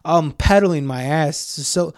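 A young man co-hosting a podcast, telling stories in a loose, profane, animated way with plenty of fillers. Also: on the high side, measured pace, dry recording, clean studio sound. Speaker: podcast co-host. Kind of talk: casual storytelling chat.

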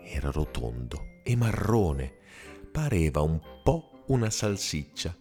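A man reading a children's picture book aloud in a slow, expressive storytelling voice. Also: sits low, creaky, faint music behind.

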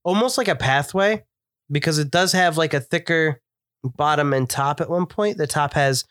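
A man's voice: fairly high pitch, normal speed, fairly bright tone, dry recording, clean studio sound. A man co-hosting a casual beer review podcast, talking in an enthusiastic, descriptive way while stuffed up from a cold. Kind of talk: casual chat.

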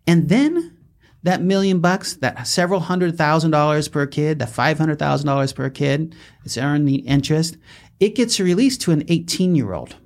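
A man who is an attorney hosting a podcast, explaining legal pitfalls in casual chat, lively and quick to chuckle. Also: on the high side.

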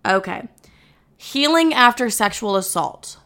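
A woman's voice: on the high side, lively intonation, unhurried, bright, forceful tone, a little hiss or hum. A young adult woman hosting her own podcast, talking candidly and bluntly to listeners with frequent swearing. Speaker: podcast host. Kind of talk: casual chat to listeners.

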